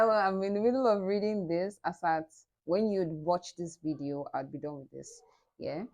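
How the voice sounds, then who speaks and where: Chatty Nigerian woman, lower voice. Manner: chatty, playful and boastful, jumps back and forth in pitch. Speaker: book vlogger. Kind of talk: casual vlog chat to camera.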